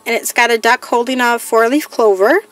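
A woman's voice: on the high side, moderate pace. A woman crafting vlogger chatting casually through a haul, reading each item aloud in a plain, listing way. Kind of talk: casual haul show-and-tell.

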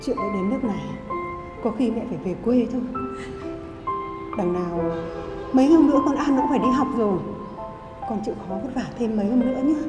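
A woman's voice: on the high side, brisk, long pauses, reverberant, big-room sound, lo-fi sound, over loud music, lightly acted. Actress playing a pleading country grandmother. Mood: soothing. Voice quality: begging, tearful. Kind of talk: web drama acting.

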